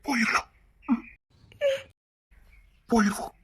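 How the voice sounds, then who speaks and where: An actor voicing a gentle young husband and father in a cartoon web series, with a Kanyakumari Tamil accent and a soft, hushed delivery. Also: slow pace. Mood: sad, soothing. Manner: soft, tender, often hushed.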